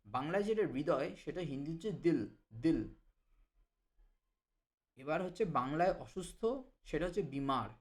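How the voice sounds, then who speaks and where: A man with a fairly high voice runs a vocabulary lesson. He explains each word, says it again slowly and checks in with a quick "right?". His delivery is patient and methodical. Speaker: language teacher.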